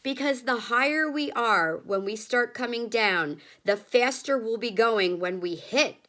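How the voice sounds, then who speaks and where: A woman's voice: a little high, measured pace, a bit bright, voice pushed up. Woman putting on eccentric candy maker, emphatic, declaiming, storybook man.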